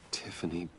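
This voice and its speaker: An actor playing a grave, grieving wealthy man in a video game, speaking low and gravelly in a hushed, restrained way. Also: slight background noise. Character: Bruce Wayne, grave grieving wealthy man, guarded and gentle. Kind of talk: dramatic video game acting.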